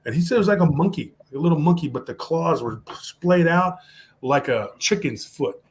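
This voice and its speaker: A man telling a story on a podcast in a casual, animated way, mixing Spanish slang into his talk. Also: on the high side, moderate pace. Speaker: podcast guest.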